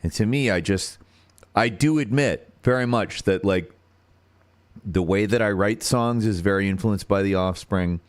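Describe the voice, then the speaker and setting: An American man with a deep, radio-style voice hosts a casual livestream, thinking aloud at a measured pace while he hunts for words. When he sings high, his voice turns nasal.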